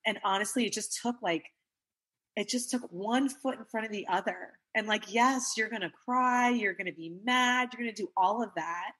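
Husky woman coach, emotional, teary, says like a lot. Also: mid-range voice, moderate pace, a bit bright. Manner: emotional, earnest, many fillers. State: tearful. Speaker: guest coach. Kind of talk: casual interview chat.

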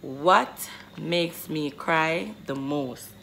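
A woman in her twenties talks straight into her phone camera in a small bedroom, addressing her viewers warmly as "guys" and circling back over her own sentences. Her voice sits low and her delivery is unhurried. Faint room noise hums under the close phone recording. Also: gravelly. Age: 20s. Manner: chatty, addresses viewers as guys, rambling restarts. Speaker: vlogger. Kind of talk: casual vlog talking to camera.

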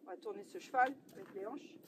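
A woman training a horse outdoors, giving short coaxing commands and soothing it, often in a hushed voice, picked up by a camera at a distance. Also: medium pitch, fairly quick, slight background noise. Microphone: camera mic at a distance.

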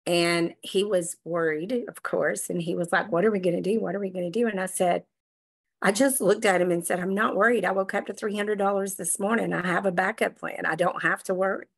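A woman's voice: medium pitch, moderate pace, vocal fry. Enthusiastic woman on a video call. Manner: enthusiastic, effusive, animated retelling. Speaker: guest sharing a success story. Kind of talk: casual testimonial on a live video call.

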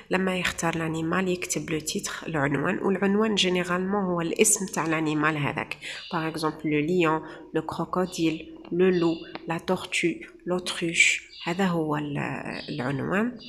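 Algerian woman teacher, lowish gravelly voice, slow French dictation, quick Arabic asides. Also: in a large hall, a little hiss or hum. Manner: reads French sentences slowly, explains briskly in Algerian Arabic. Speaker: primary school teacher. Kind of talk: exam-prep lesson.

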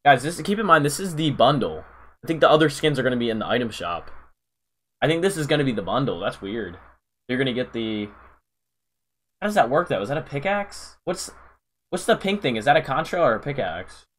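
A man's voice: medium pitch, very animated, a little fast, fairly bright tone. A young man casually live-streaming a game, rambling to his chat with lots of fillers, calling out viewers' names and saying "bro".

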